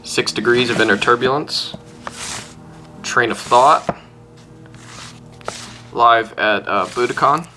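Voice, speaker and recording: A man's voice: mid-range voice, slow, pauses often, over music. A man chatting casually at home, rambling through a list and swearing offhand. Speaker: music collector vlogger. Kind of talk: casual chat listing albums. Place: room at home, close to a wall.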